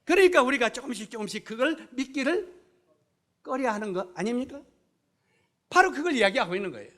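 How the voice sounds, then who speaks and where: A man's voice: very high-pitched, bright, forceful tone. A middle-aged man, preaching a sermon and often putting questions to the congregation, then answering them himself.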